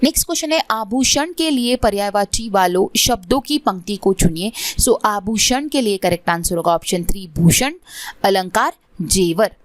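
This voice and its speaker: A woman's voice: medium pitch, lively intonation, normal speed, dry recording. A woman teaching an online exam-prep lesson, mixing English words into her Hindi and often checking in with "theek hai".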